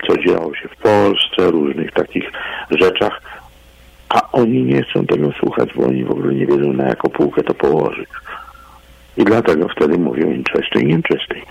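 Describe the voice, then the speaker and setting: A man's voice: deep voice, creaky, breathy edge, rough recording. A man, an English teacher, chatting as a radio guest, telling anecdotes and laughing often. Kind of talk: radio chat. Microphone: studio microphone.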